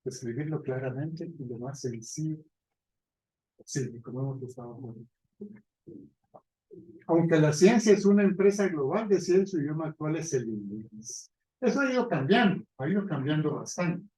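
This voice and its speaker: A man's voice: fairly high pitch, expressive, moderate pace, mellow, echoey room, poor audio. A man giving a university lecture in a conversational way, often checking in with his listeners. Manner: conversational, asks "¿verdad?" often.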